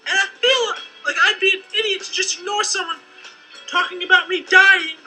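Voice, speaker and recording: A woman's voice: extremely high pitch, normal speed, bright, forceful tone, soft background music, exaggerated voice, poor audio. An actress voicing a skeptical young woman in a game who teases a caller warning her of danger.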